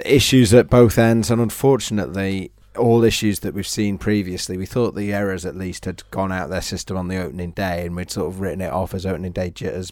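Slightly hoarse man, deep and dry. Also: darkish tone, dry recording. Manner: dry, self-deprecating humour with chuckles. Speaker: podcast host. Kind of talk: casual football podcast chat. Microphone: remote call, own mic.

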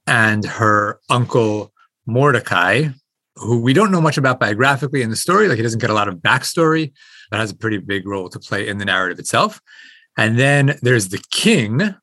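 A man's voice: fairly low pitch, pushed and bright, no room sound. Man explaining in a dry, close recording. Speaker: guest professor. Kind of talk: conversational scholarly explanation. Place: library, late at night.

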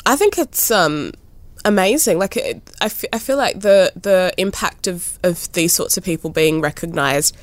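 A young woman with a low voice, an artist, is being interviewed in a casual, conversational way. Born in Ethiopia and raised in Kenya and Australia, she speaks at normal speed, thoughtful and chatty, using "like" and "you know" often with lively rises. The recording is dry.

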